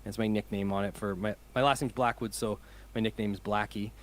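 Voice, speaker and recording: A man's voice: fairly low pitch, steady tone, fairly quick. A man who is a musician, chatting in an interview over a video call, enthusiastic and rambling, often laughing. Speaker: musician guest. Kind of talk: casual interview chat.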